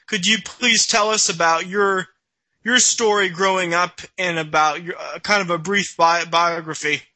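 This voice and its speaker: A man's voice: high voice, steady tone, a little slow, pushed and bright, no room sound. A man hosting an interview show, asking questions hesitantly with many "uh" fillers. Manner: hesitant, fills with "uh". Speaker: podcast host.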